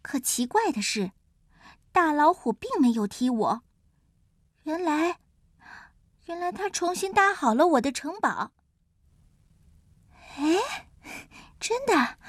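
High, childlike woman storyteller. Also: dry recording, clean studio sound. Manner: animated, childlike first-person storytelling. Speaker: storybook narrator speaking as the little mouse. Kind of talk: expressive children's story read-aloud.

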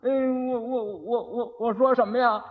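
A dim-witted young bridegroom who stutters and repeats his words in a soft mumble, as a male storyteller puts him on. He sounds rather high for a man. The old recording is dull and has a long reverb. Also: fairly even intonation, unhurried. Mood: stammering dim. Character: stammering slow-witted young rich husband.

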